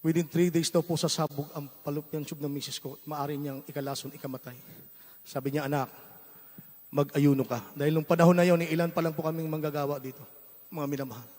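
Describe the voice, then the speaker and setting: A man with a Filipino accent preaching a testimony sermon, moving from quiet storytelling to shouted praise. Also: on the high side, fairly even intonation, fast talker. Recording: long hall reverb with faint music.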